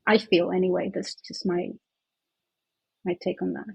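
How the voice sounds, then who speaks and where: A woman therapist, a guest in an interview, telling an earnest, animated anecdote in conversation. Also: on the low side, moderate pace, gravelly, slightly rough, no room sound, rough recording.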